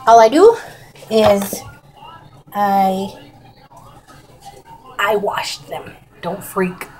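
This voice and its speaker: Filmed by a camera resting near her on the kitchen counter, a middle-aged home cooking vlogger casually walks viewers through a recipe with folksy chatter. She speaks very slowly in a medium-pitched, slightly mellow voice, with a bit of background noise and poor audio quality.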